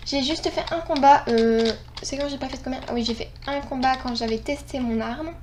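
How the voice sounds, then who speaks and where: A woman runs a gaming channel and chats casually as she plays, excitable and rambling, frequently correcting herself. Her voice sits high and moves fairly quickly, with a slight hiss or hum on the recording.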